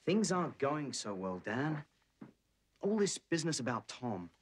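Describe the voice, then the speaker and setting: A man's voice: medium pitch, very animated, measured pace, a little hiss or hum. An actor playing a proud, earnest boxer in a television soap drama, insistent on providing for his woman. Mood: troubled, earnest.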